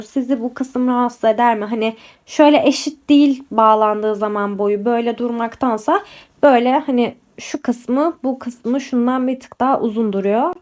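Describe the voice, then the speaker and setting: A young woman chatting casually to camera about clothes she bought, talking straight to her viewers, her voice a little off from being sick. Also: high-pitched. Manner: chatty, addresses viewers directly, frequent fillers. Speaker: lifestyle vlogger. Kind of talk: casual haul and review chat to camera.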